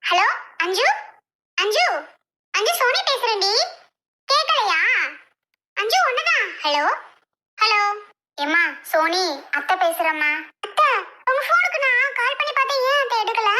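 A woman's voice: extremely high pitch, big pitch swings, measured pace, pauses often, sharp tone, voice pushed up, full character voice. A woman voicing an eager, chirpy young woman in a homemade family skit. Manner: eager, pleading.

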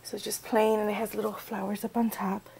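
A woman's voice: mid-range voice, level tone, a little fast, darkish tone, slight background noise, poor audio. A young American woman chatting casually in a vlog, rambling with lots of fillers. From United States. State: out of breath. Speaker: vlogger.

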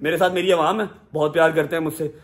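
A man's voice: a little high, steady tone, fast talker. Teasing man. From Pakistan. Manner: warm, teasing, emphatic. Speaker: vlogger. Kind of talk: casual family vlog talk.

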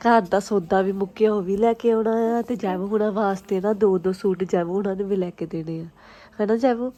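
A woman's voice: mid-range voice, fairly even intonation, a little fast, dark tone, muffled recording. A young woman chatting informally at home to viewers and children, in a casual vlog style. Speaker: family vlogger, mother of small children. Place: indoors at home.

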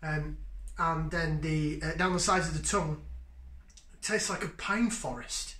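This casual beer tasting comes from a thirtysomething man in his own kitchen, who sniffs, sips and chats with real enthusiasm. He speaks unhurriedly in a voice on the high side, pushed and bright. The echoey room is captured by a fixed camera set at table distance.

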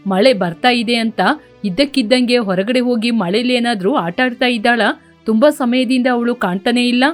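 A woman's voice: fairly high pitch, normal speed, soft background music, lightly acted. A woman voicing a plain-spoken young married man talking matter-of-factly in a cartoon story. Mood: curious.

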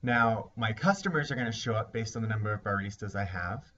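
A man teaching a recorded lesson, explaining ideas step by step in a measured way. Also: lowish voice, bright, forceful tone. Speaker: instructor. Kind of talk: recorded lecture. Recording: slightly dull lo-fi recording with faint hiss.

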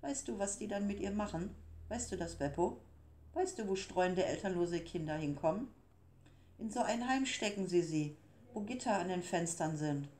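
A woman voicing a talkative young man in an audiobook, speaking in a quick, persuasive way with a raised voice. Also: mid-range voice, lively intonation, warm tone, close to an everyday voice. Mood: insistent. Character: young male storyteller, talkative, evasive, easily startled.

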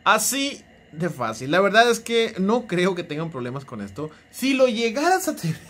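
A young Mexican man talks through a casual tech tutorial in a bouncy, animated voice that swings up and down a lot. He sits a bit higher than most men and keeps teasing the viewer in a joking, chatty way. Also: moderate pace. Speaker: tech YouTuber.

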